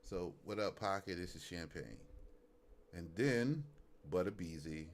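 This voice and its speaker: Low, expressive and a little slow, a Brooklyn man's voice carries over slight background noise as he hosts a live music review. His casual stream talk is easygoing and loose, peppered with "you know what I'm saying."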